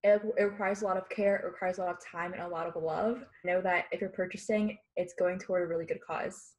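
A woman's voice: on the low side, steady tone, fairly quick, poor audio. A teenage girl, a student baker, speaking earnestly in a casual interview. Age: teens.

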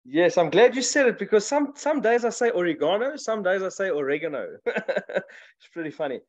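A man's voice: sits high, big pitch swings, normal speed. A man talking on a casual online call in a playful manner. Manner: playful, laughing lightly. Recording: dull lo-fi online call audio.

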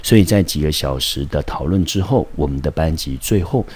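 A man's voice: very deep voice, expressive, brisk, a little mellow, a little hiss or hum. A man with a Taiwanese Mandarin accent teaching English exam vocabulary, patiently spelling words out letter by letter.

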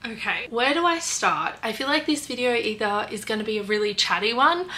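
A woman's voice: fairly high pitch, expressive, brisk, sharp tone, slight background noise. A woman in her late twenties chatting to camera from her old bedroom, rambling and laughing often as she eats. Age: late 20s. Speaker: vlogger. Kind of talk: casual chat to camera.

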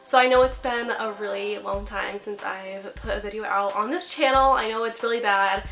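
A lifestyle vlogger in her twenties, getting over a cold, sits on her bed in a small apartment bedroom and chats upbeat through a casual tutorial, saying "like" a lot. Her medium-pitched voice is fairly bright, with fairly even intonation at normal speed. Faint music plays behind.

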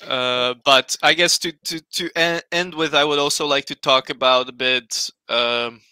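A young Slovak man with a very bright, clean voice talks into a headset from his room. He hesitates and restarts often, and the sound is close and dry. He keeps an earnest, thoughtful tone. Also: medium pitch, steady tone, measured pace, smooth, no echo. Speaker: panel guest. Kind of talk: casual panel discussion. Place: home room.

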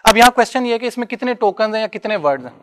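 A man's voice: high voice, expressive, rapid-fire, a bit bright. Male lecturer, talks casually to a class, keeps asking if they follow. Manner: conversational, checks understanding often. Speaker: university lecturer. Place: classroom with students.

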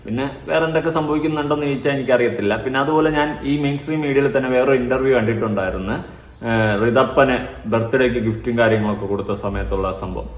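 A man's voice: mid-range voice, fast talker. A man giving mocking, sarcastic commentary in a vlog. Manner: sarcastic, mocking, mimics crying voices. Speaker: vlogger. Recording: echoey room.

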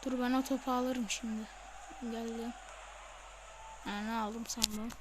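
High-pitched woman yelling at a football game, slow drawl in the quiet bits, cusses a lot. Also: noisy background. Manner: excitable, yelling at the game, swearing. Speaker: gamer. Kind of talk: live football video game commentary.

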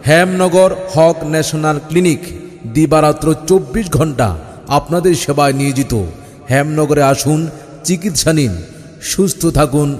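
Sing-song man over an outdoor loudspeaker. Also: on the high side, moderate pace. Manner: sing-song, repetitive chanting delivery. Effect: outdoor loudspeaker announcement. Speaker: clinic advertisement announcer. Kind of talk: chanted promotional announcement. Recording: long reverb with music behind.

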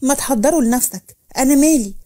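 A woman doing a sharp-tongued Egyptian teen bride. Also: high-pitched, fast talker, lightly acted. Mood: defiant. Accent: Egyptian Arabic. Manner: defiant, snappy.

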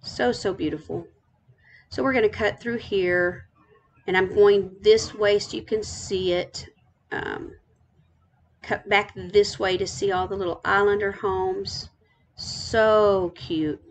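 A woman's voice: mid-range voice, steady tone, takes it slowly. A middle-aged woman from Texas, hosting a casual tour of a game island, gushing and repeating her praise.

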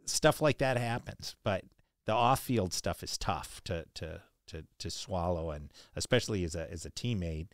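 A man's voice: low-pitched, normal speed, dry recording, studio quality. A man hosting an interview, asking long rambling questions in a conversational way and sharing his own racing memories. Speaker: interview host. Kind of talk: casual interview.

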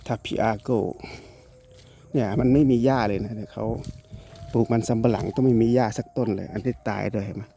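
A young man from Thailand's northeast, with an Isan accent, talks in a rambling, self-correcting way as he drives and walks around, filming on his phone. His voice is gravelly and sits at an ordinary pitch. A faint hiss of noise runs under the recording. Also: fairly even intonation, brisk, dark tone. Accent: Isan Thai. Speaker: vlogger. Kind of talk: casual travel vlog narration. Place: outdoors and driving around the countryside. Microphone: phone held by the speaker.

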